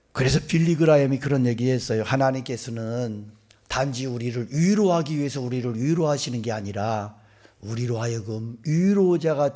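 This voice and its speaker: A middle-aged male pastor preaching a sermon, telling stories with acted-out voices that swing from whispers to loud bursts. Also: medium pitch. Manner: animated storytelling, acting out voices, swinging between whispers and loud outbursts. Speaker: senior pastor.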